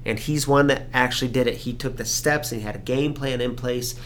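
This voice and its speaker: A man hosting a podcast, talking casually and reflectively in a halting, thoughtful way. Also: medium pitch, a little hiss or hum. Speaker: podcast host.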